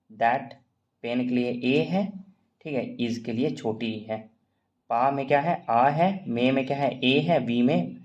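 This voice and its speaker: A man's voice: medium pitch, darkish tone, muffled recording. A man teaching a shorthand lesson in casual classroom style, explaining step by step and quizzing his students.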